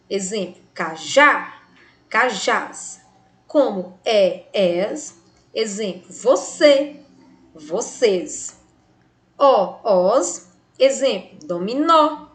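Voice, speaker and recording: A Brazilian woman teaching a recorded grammar lesson, speaking slowly and clearly and stretching the example words to stress them. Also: mid-range voice, a bit bright. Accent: Brazilian Portuguese.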